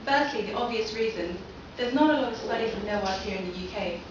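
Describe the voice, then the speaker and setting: A young woman from London, speaking at a medium pitch and a fast clip, gives an academic presentation as a seminar presenter in a lecture hall, putting many questions to her audience. The recording comes from far off in the echoey hall and sounds dull and noisy.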